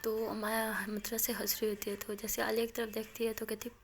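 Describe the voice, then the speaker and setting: Woman, casual storytelling, chatty, slightly high voice, soft near-whispers at times. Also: little pitch movement, a little fast, a little hiss or hum.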